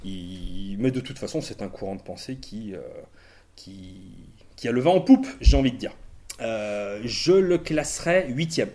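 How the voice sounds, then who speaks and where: A man hosting a casual podcast chat, animated and self-mocking, swearing freely. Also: on the low side, unhurried. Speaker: podcast host.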